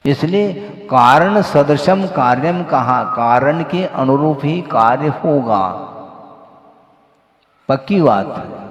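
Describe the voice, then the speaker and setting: Slow-speaking monk preaching in an echoey hall. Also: male voice, mid-range voice. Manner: slow, questioning, teacherly, stresses points with "hm?" and "haan". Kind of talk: sermon. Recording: echoey hall, long reverb.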